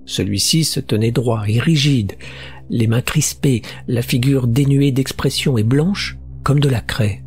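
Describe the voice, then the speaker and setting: Man, audiobook narrator, horror story, measured and steady, middle pitch, faint music behind.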